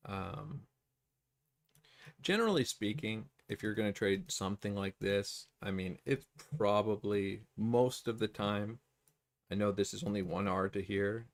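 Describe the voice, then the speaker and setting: Gravelly low-voiced man talking through charts. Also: no echo. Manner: rambling, thinking aloud with fillers and restarts. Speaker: trading livestream host. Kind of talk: casual livestream chart commentary.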